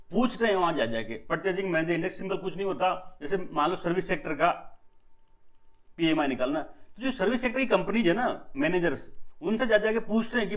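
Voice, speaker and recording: Give me a young man teaching economic news casually, with a slightly raised pitch, repeating terms and answering his own questions. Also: poor audio. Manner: repeats key points and asks himself rhetorical questions; casual, addresses viewers as friends. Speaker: economics teacher and channel host. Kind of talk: explanatory daily news lesson.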